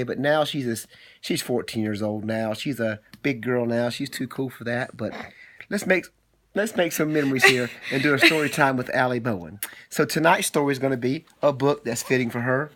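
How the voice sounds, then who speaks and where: With a medium pitch and a slightly bright tone, a father reads his child a bedtime-style story at home. The middle-aged man is theatrical and teasing, frequently cutting himself off for playful asides.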